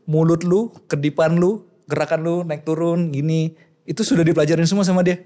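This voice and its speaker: A man's voice: a little high, fairly even intonation, brisk, mellow. A young man, a content creator, explaining things patiently step by step in a casual chat.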